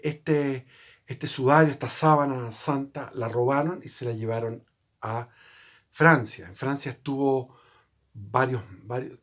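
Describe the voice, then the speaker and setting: Husky man explaining his faith. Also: medium pitch. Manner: rambling, with frequent restarts and self-corrections; earnest and explanatory. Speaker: channel host. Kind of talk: unscripted religious monologue.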